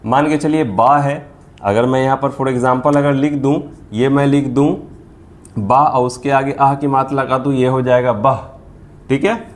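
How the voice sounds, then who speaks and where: A man's voice: medium pitch, fairly even intonation, unhurried. A man with an ordinary mid-range voice leads a beginner lesson on the Hindi vowel signs. He talks patiently and repeats each sound again and again, drilling it for the learners. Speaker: teacher.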